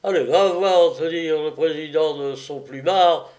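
A man's voice: fairly high pitch, measured pace, darkish tone, natural voice. A man voicing a drunken man who pretends to be a solemn archangel, pompous and slightly slurred. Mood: mock-solemn.

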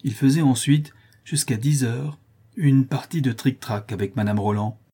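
Husky man reading a classic novel. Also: mid-range voice, mellow. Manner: measured, literary. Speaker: audiobook reader. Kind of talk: scripted narration.

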